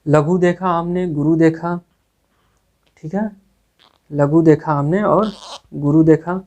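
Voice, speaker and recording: A man's voice: fairly high pitch, steady tone, slow, darkish tone. A male teacher giving a grammar lesson, asking questions and answering them himself with many repetitions. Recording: tinny phone-like recording.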